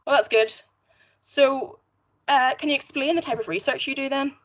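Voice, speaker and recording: A woman's voice: high-pitched, moderate pace. A woman hosting an interview, asking questions in an upbeat, encouraging way. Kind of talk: interview host.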